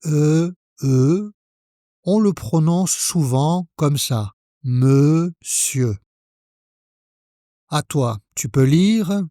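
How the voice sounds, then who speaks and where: Slow, soft-spoken French teacher. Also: male voice, on the high side, lively intonation, no echo, clean studio sound. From France. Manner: slow, careful, spells out sounds for the learner. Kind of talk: pronunciation lesson.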